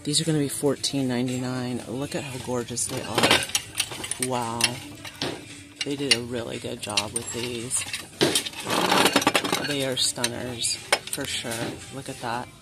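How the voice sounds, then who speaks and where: A woman filming a shop-with-me vlog in a large store on a handheld phone, chatting excitably and reading prices aloud. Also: rumbling low, slow pace, long pauses, heavy background noise. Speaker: vlogger. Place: large indoor retail store. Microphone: handheld phone camera.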